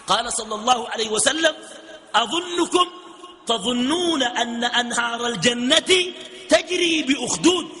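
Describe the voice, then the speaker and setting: A man preaching a sermon in Sudanese Arabic. He moves between slow classical recitation and quick colloquial asides, rising to shouts on key points. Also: high voice. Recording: long hall reverb, faint background noise.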